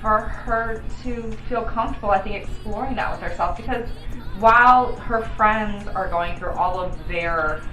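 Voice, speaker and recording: Casting: tipsy woman, casual reviewer, bright and rambling, recorded in an echoey room over music. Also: mid-range voice, moderate pace. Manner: tipsy, getting drunker, rambling and giggly. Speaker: co-host of a TV series review. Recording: echoey room, distant mic, music behind.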